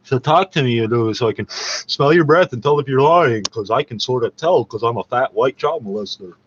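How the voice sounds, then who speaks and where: Over a radio broadcast, a man briskly vents in a medium-pitched voice, spontaneous, profane and scornfully combative. The lo-fi recording comes across muffled and slightly noisy.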